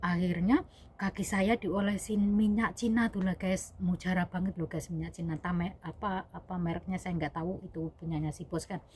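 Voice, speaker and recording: A young woman with a fairly low voice tells a personal story to her viewers. She rambles, corrects herself often and keeps calling out to them as "guys". A faint hum of ambience sits underneath. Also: fairly even intonation, moderate pace, a little mellow. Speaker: vlogger, domestic worker abroad. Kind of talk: casual spoken storytelling.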